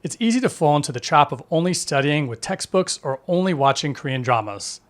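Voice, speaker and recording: Man narrating a scripted lesson, slightly high. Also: expressive, a little fast. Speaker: language teacher.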